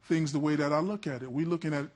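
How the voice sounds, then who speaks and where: A man with a high, husky voice explains his side as a litigant in TV court. He is earnest and self-justifying, circling back over his phrases. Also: steady tone, quick pace, a little mellow. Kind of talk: unscripted explanation to a judge. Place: TV courtroom studio.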